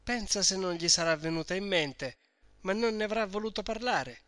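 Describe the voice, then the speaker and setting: Guy reading a bossy know-it-all mom explaining stuff, bright tone, dry close sound. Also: sits high, moderate pace, no echo, voice pushed up. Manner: insistent, explaining. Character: shrewd talkative middle-aged mother.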